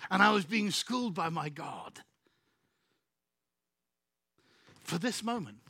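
Man doing a young male shepherd-warrior, earnest and humble, high voice, dry close sound. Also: lively intonation, normal speed, vocal fry, pushed and bright, husky, dry recording, heavily acted.

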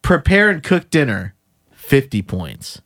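A man's voice: mid-range voice, very animated, slow, fairly bright tone. A man co-hosting a casual chat, reading items from a list aloud and laughing often.

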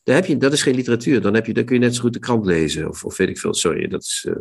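A man's voice: mid-range voice, expressive, very fast, gravelly, slightly rough. A man hosting a literary podcast, talking about books with many hesitations and restarts. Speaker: podcast host.

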